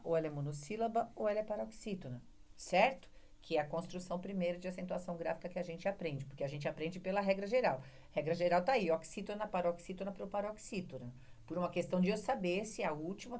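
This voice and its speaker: A woman's voice: mid-range voice, a little mellow. A woman with a Brazilian Portuguese accent giving an online grammar lecture, explaining step by step and checking in with her listeners. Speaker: Portuguese language teacher.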